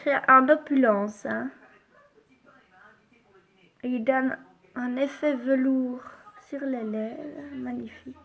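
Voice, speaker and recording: A woman hosting a live makeup demonstration, chatty and unhurried, filling pauses with little interjections and dropping to soft asides while she works. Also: high voice, fairly even intonation, gravelly, breathy edge. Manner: chatty, unhurried, full of fillers like "hein" and "hop". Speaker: makeup live-stream host.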